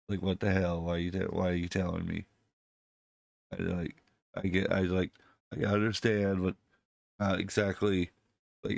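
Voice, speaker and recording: Illness has dropped this channel host's voice into a gravelly, darkish register as he talks loosely to his viewers, stumbling through fillers and restarts. He uses a desk microphone that clips when he gets too close, and there's no room sound.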